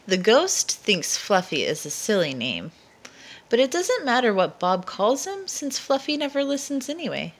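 With a fairly high-pitched voice, a woman narrates a children's picture book as a storyteller. Her reading is expressive and deliberate, with dramatic emphasis.

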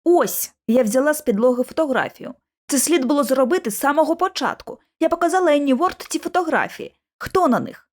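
A woman narrating an audiobook in the first person, with expressive storybook telling. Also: sits high, fairly quick.

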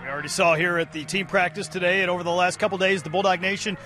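A middle-aged man with a high, pushed, bright voice hosts a sports preview in a steady tone, talking very fast with polished broadcast-announcer delivery. He's a team play-by-play announcer and host, speaking into a handheld microphone outdoors in an open football stadium, with outdoor noise behind his voice.

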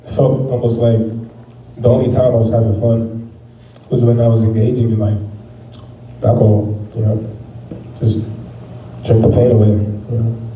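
Soft-spoken man telling his story, roomy echo. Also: medium pitch, little pitch movement. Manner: halting, reflective, many fillers. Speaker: testimony speaker. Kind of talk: personal faith testimony. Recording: echoey room, mic at a distance, faint background noise.

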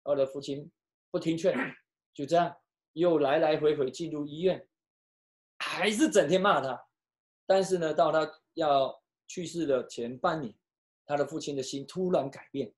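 A pastor preaching and telling a story, switching between hushed and loud delivery, with some halting restarts. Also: mid-range voice. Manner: emotional, with sharp swings from hushed to loud. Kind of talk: storytelling sermon.

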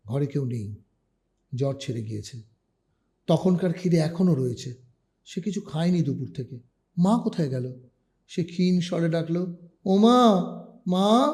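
Calm, mellow male storyteller. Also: fairly high pitch. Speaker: story reader. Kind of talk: storytelling reading of a short story.

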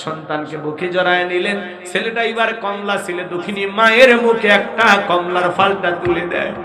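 A man's voice: sits high, normal speed. A man preaching a waz sermon to a crowd, telling a story in an emphatic, half-sung delivery. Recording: echoey loudspeaker sound with crowd.

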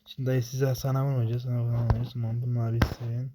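A young gamer commentates his own gameplay, muttering to himself in rapid repetitions and swearing when frustrated. His mid-range voice shows little pitch movement, and the recording is very noisy.

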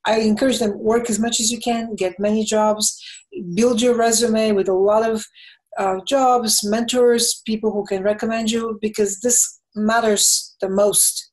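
A Bulgarian-accented woman in her fifties, a film and game composer, is a thoughtful interview guest on a webcam video call from a home room with bookshelves, filling pauses with "you know." Her voice is fairly high with little pitch movement and a darkish tone. The recording is rough.

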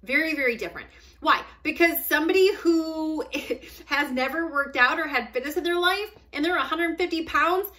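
A woman in her forties coaching viewers on fitness in an upbeat, chatty way. Her voice sits a little high and sounds bright and forward. She's close to a webcam in a small room, emphatic and quick to laugh. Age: 40s. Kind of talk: casual direct-to-camera talk.

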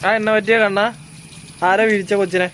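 A woman vlogger chats casually to her viewers, first outdoors near a temple and a jackfruit tree during a family outing, then in a home kitchen while cooking. She addresses them directly with many fillers, in a mid-range, fairly bright voice, delivered flat and fairly quick. There's a little hiss or hum.

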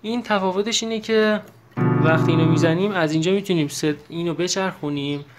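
A man teaching how to use an electronic keyboard in a casual step-by-step tutorial, pausing with fillers and correcting himself as he presses buttons. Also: high voice, loud music behind the voice. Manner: explains while pressing buttons, with many fillers and self-corrections.

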